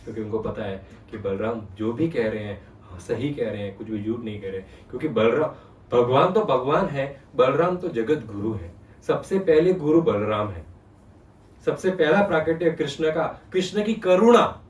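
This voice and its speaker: A man with a medium-pitched voice and normal pace delivers a devotional discourse, animatedly retelling scripture and asking his audience questions. He's a spiritual storyteller, recorded with roomy sound from a distant mic.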